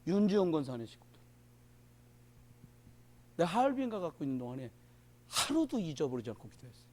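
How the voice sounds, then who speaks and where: Lively high-voiced male pastor preaching. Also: a little fast. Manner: colloquial and joking, swinging between loud exclamations and quiet asides. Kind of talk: sermon at a prayer meeting. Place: church.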